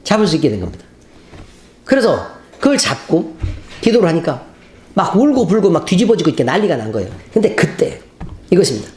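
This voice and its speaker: Lively preaching man, echoey sanctuary. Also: high-pitched, a little fast, pauses often. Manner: animated storytelling, acting out scenes. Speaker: pastor. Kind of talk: sermon. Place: church sanctuary. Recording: roomy church hall, faint noise.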